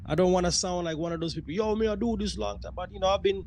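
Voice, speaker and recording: South Sudanese man giving slangy shout-outs. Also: sits high, steady tone, quick pace, gravelly, slight background noise. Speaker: sound clash selector. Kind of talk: radio interview guest.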